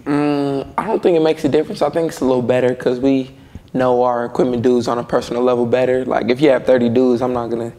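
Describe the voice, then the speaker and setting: Gravelly-voiced young man. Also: medium pitch, fast. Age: young adult. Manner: relaxed, casual. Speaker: football player. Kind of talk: interview.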